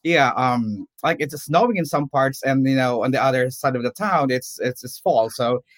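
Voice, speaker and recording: A middle-aged man from the Philippines, a nurse and professor, talking as a guest in a casual interview with many pauses and restarts. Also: medium pitch, dry recording. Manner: hesitant, many fillers and restarts.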